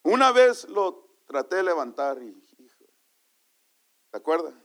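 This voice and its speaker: Pastor guy preaching, kinda high voice, goes quiet then loud, keeps saying brother. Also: big pitch swings, measured pace. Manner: swings from hushed asides to loud exclamations; storytelling, calls the congregation brother. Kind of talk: sermon.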